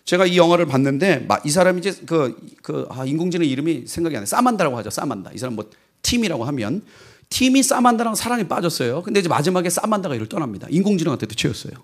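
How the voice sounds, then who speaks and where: Animated, fast-talking male preacher. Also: a little high. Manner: animated, rising to fervent shouting. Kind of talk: sermon.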